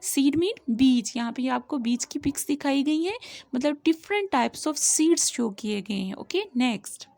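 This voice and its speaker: Slow, high-voiced teacher sounding out letters. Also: female voice, animated, gravelly, a little mellow, no room sound. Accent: Pakistani. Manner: addresses the child as "beta". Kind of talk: recorded phonics lesson for young children.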